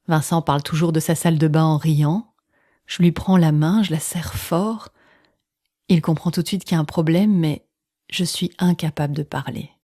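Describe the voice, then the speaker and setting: In a dry recording with no echo, a woman shares a private story about herself, pausing for effect, now and then sinking almost to a whisper and voicing what other people said. Her voice is low, dark and a little rough.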